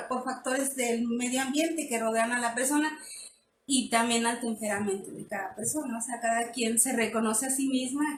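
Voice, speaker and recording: A woman with a fairly high voice teaches parents in a live online session. She explains slowly and patiently, often restarting her phrases. The room sounds echoey, with a faint hum behind her. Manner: explanatory, with many restarts and fillers. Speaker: parenting workshop facilitator.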